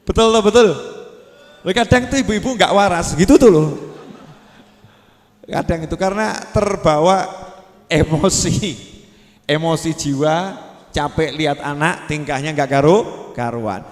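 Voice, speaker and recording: A man with a Javanese accent preaching to a congregation, lively, quizzing the audience and acting out little scenes, in a large hall. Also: a little high, unhurried, long pauses. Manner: lively, asks the audience questions, acts out scenes. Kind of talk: religious lecture to a congregation. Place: prayer gathering in a large hall. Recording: long hall reverb.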